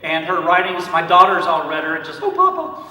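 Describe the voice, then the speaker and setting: A man with a Southern accent, a priest speaking to a gathering in a relaxed, joking way, with plenty of ums and uhs. His voice is bright and sits a little high. It carries from some distance through a large, echoing hall. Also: fairly quick. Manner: conversational and humorous, with frequent fillers. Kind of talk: conference talk with anecdotes. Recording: echoey hall, speaker far from mic.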